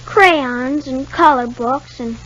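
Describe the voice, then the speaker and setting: A woman plays a shy, polite young boy in a 1950s radio soap, giving short, hesitant, reticent answers that sound guarded and innocent. Her voice sits high and fairly bright, slow and heavily acted. The recording has the dull quality of 1950s radio.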